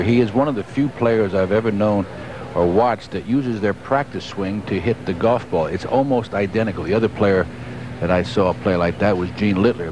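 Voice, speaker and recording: A man working as a golf analyst, explaining technique step by step in conversational live commentary on a 1980s broadcast. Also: fairly low pitch. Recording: noisy 1980s television broadcast.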